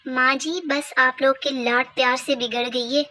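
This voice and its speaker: A woman's voice: high-pitched, flat delivery, moderate pace, bright, forceful tone. A woman voicing a strict, worried mother in a doll-play story, lecturing her daughter firmly. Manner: lecturing, firm.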